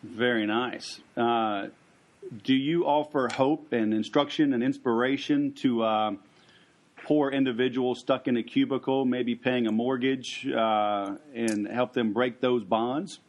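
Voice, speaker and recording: Guy hosting a podcast, medium pitch, casual, lots of ums and little pauses. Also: steady tone. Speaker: podcast host.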